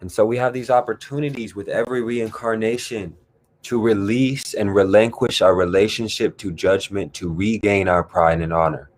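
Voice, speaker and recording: A man hosting a guided group talk, speaking in a calm, drawn-out, reflective way with sighs. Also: fairly low pitch. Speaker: host leading a guided discussion. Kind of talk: slow meditative guided talk.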